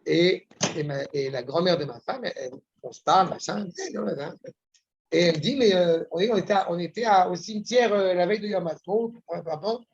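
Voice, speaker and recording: A man with a fairly high voice lectures on Torah with blunt passion, slipping Hebrew terms into his talk. The recording sounds dull and lo-fi. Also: a little fast. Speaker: Torah teacher.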